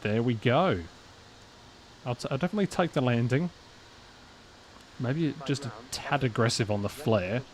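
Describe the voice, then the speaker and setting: A man giving casual, relaxed live commentary while he plays a flight simulator. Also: normal speed, pauses often, rough recording. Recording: low game engine rumble behind voice.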